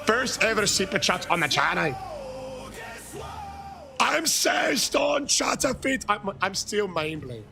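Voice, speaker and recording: An Irish man runs a live gaming stream, his gravelly voice pitched fairly high for a man and gone hoarse from yelling. He chats casually and eagerly with viewers, breaking into loud, joyful shouts as he thanks them, with long, slow pauses over background music.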